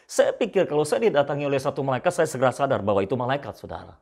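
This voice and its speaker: A man preaching a sermon, addressing his listeners directly and swinging between loud repeated phrases and hushed asides. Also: mid-range voice, sing-song, racing, creaky. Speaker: pastor.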